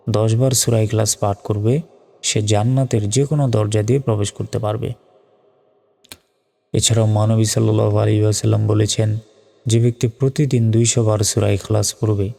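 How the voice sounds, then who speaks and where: A man with a Bangladeshi Bengali accent teaching Quran pronunciation, spelling out each word letter by letter and chanting it slowly. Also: fairly low pitch, gravelly, mellow. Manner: spells words letter by letter, drawn-out chanted recitation. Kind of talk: spoken lesson on Quran pronunciation. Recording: long reverb with faint music.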